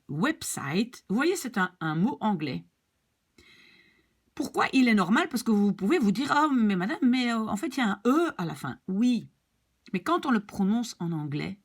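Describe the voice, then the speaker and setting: Husky woman patiently explaining a lesson. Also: fairly low pitch. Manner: patient, repeats key rules, checks understanding. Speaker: language teacher.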